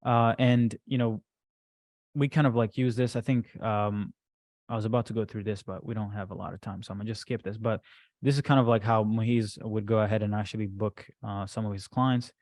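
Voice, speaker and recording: A man's voice: fairly low pitch, steady tone, a little fast, a little mellow, no echo, clean studio sound. A man coaching a group in a casual workshop talk. He speaks loosely, with many fillers and frequent "right?" checks. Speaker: business coach presenting to a group. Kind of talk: casual workshop presentation with screen share.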